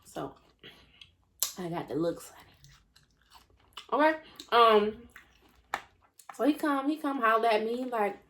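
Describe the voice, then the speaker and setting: A woman's voice: fairly high pitch, animated, slow pace, long pauses, a bit bright, slight background noise. A young woman tells a story to her viewers while she eats. She is sassy and talkative and says y'all and honey. Her words come between bites, with her mouth still full. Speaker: mukbang vlogger. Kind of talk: casual story time while eating.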